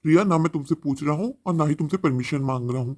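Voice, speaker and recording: A man's voice: a little high, fast talker, natural voice. A man voicing a remorseful grown son who speaks in an earnest, pleading way. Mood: resolute.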